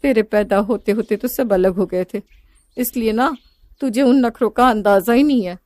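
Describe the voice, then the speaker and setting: A woman's voice: on the high side, normal speed, darkish tone, no echo, lightly acted. A woman playing a middle-aged mother who lectures her daughter in a bitter, reproachful way.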